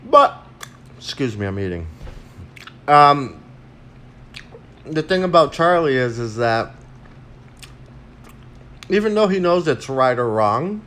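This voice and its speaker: A man's voice: mid-range voice, very animated, takes it slowly, pauses often, fairly bright tone. A man ranting crudely and rambling with lots of fillers in a casual livestream, talking into a phone while eating. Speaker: vlogger.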